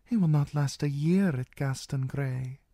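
A man's voice: fairly high pitch, measured pace, dark tone, no echo, clean studio sound, voice pushed up. A man voicing a scheming young princess, coaxing and confiding in a raised voice.

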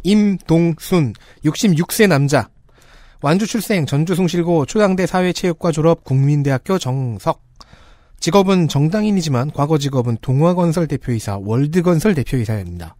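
A man with a slightly high and very lively voice delivers the facts deadpan. The sound is dry and close to the mic. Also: normal speed, dry recording. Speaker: co-host presenting candidate profiles. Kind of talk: briefing-style chat.

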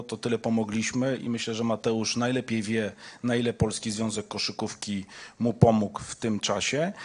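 A man with a husky, breathy voice answers reporters at a press conference. He is combative and sarcastic, and halts often with fillers as he argues his point. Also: mid-range voice. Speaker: basketball federation president.

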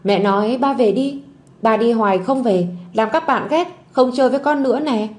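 A woman's voice: on the high side, moderate pace, close to an everyday voice. A woman voicing a sweet little girl who is tearful and clingy, in a storybook audio drama. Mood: plaintive. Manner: bright childlike pleading.

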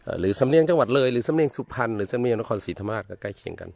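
A man's voice: medium pitch, animated, very fast, vocal fry, a little mellow. A man from Thailand talking casually as a travel vlogger outdoors in a village, polite and rambling with many hesitations. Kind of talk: casual travel vlog narration.

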